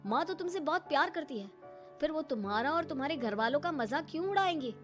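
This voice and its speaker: A woman voicing a grown son and young husband in an animated story, reasoning and scolding calmly. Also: high-pitched, fast, music in the background, voice pushed up.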